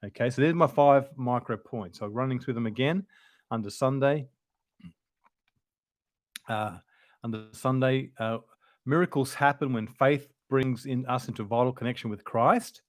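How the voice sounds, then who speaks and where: A man's voice: mid-range voice, moderate pace, long pauses, dry recording. A man presenting a Bible study lesson in an informal, explanatory way, thinking aloud as he goes. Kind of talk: conversational Bible study teaching.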